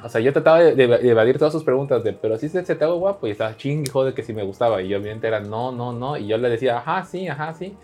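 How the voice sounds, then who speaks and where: A man with a Mexican accent tells a crude story as a podcast guest, loose and casual. He plays out the back-and-forth of the dialogue himself. His voice sits at an ordinary middle pitch. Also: a little mellow. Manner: crude, joking, acts out dialogue.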